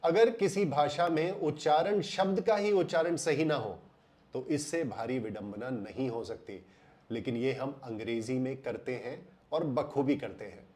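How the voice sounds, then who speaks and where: An Indian man explaining English pronunciation in a voice-over lesson, slowing down and drawing out words to stress them. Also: medium pitch, darkish tone.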